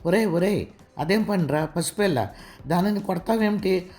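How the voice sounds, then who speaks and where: A woman's voice: fairly low pitch, normal speed, darkish tone, close to an everyday voice. A woman voicing a fretting middle-aged mother. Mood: worried. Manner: anxious, fretting.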